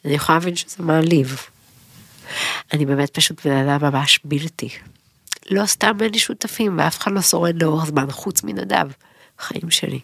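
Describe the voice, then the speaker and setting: A middle-aged woman co-hosting a podcast in casual chat, rambling, emotional and quick to joke. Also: deep voice, vocal fry, a bit bright, husky, dry recording. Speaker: podcast co-host.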